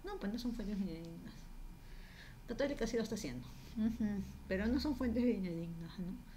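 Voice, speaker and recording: A woman's voice: medium pitch, lively intonation, moderate pace, mellow, a little hiss or hum. A woman teaching a university writing class, explaining patiently in a conversational way and often tagging her sentences with a questioning "no?". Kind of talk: conversational online class lecture.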